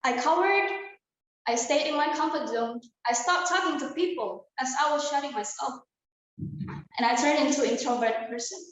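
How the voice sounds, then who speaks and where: Over a video call, a young adult woman from Indonesia, speaking as a student, earnestly delivers a prepared inspirational talk directly to her audience. She has a high voice and speaks at normal speed. The recording is low quality and drenched in reverb.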